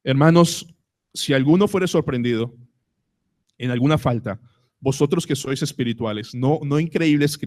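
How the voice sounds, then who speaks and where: A man with a Colombian accent, a pastor preaching a sermon at a church service, asking the congregation questions and slowing down to stress words. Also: mid-range voice, a little mellow. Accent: Colombian Spanish.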